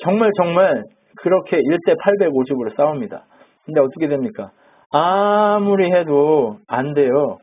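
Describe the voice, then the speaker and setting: A man's voice: a little high, expressive, normal speed, slight background noise. A man preaching a sermon as pastor, chatting with his congregation, asking them questions and acting out the quotes he tells. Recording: phone-like narrow band.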